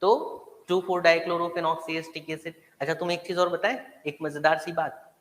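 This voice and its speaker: A man with an Indian accent teaching a live online class, repeating terms slowly so students can memorize them. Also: on the high side, flat delivery. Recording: echoey room with long reverb.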